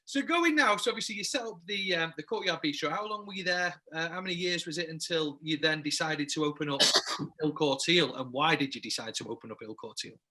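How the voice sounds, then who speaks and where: A man's voice: fairly high pitch, fast, sharp tone. A man hosting a casual interview, matey and bantering, often chipping in agreement.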